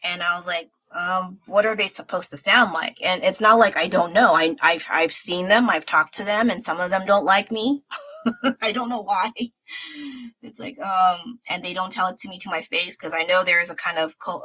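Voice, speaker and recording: At home at night, a young American woman livestreams herself painting, speaking frankly, thinking aloud, and laughing often. Her voice is a little low yet bright and forward, and she rambles in a loose, chatty way. The audio is poor.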